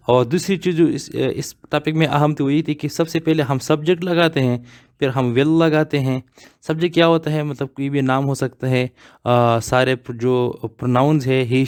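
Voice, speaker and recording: A man teaching English grammar, explaining step by step and repeating example words one at a time. He asks his class questions and then answers them himself. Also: mid-range voice. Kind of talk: grammar lesson explained slowly.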